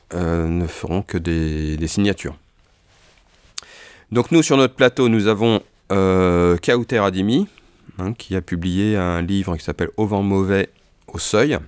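Deep-voiced guy, smooth voice, lots of ums and restarts. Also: darkish tone, dry recording. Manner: hesitant, many fillers and restarts. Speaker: bookseller.

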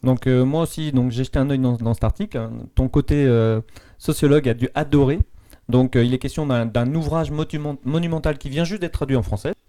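A man's voice: mid-range voice, fairly even intonation, fairly quick, dark tone. A man co-hosting a podcast, explaining tech topics casually with fillers and the odd joke. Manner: filler-heavy, jokey explainer. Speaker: podcast co-host.

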